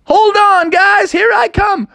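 A man's voice: high voice, sing-song, unhurried, no echo, pitched above the performer's own voice. A man voicing a small, cheerful male frog who is sly and fair-minded, with a chirpy sing-song manner. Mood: excited.

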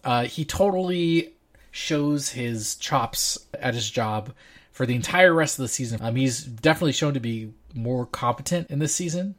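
A man hosting a casual podcast discussion, chatty and animated, laughing often. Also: medium pitch, normal speed. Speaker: podcast host.

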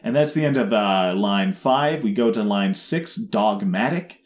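A man's voice: fairly low pitch, animated. A man co-hosting a casual recap chat, sarcastic and rambling, mocking the scenes he describes. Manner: sarcastic, rambling, mocks scenes with quick put-on voices. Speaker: podcast co-host.

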